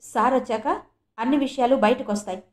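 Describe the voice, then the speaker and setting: A woman's voice: on the high side, brisk, a little mellow, lightly acted. A woman voicing a fiery young woman who speaks urgently and pleads in a storybook reading.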